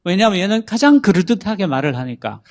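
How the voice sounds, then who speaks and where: Man patiently explaining AI, slightly high voice. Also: sing-song, quick pace. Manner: patient, explanatory, reads out example prompts. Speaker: guest explaining AI. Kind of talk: explanatory talk-show discussion.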